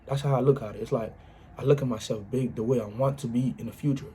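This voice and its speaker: A man's voice: mid-range voice, fairly even intonation, fast, dark tone, a little hiss or hum. Earnest man giving a casual pep talk. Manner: earnest, repetitive, punctuates with "you know what I'm saying"; informal grammar, restarts. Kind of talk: casual motivational monologue.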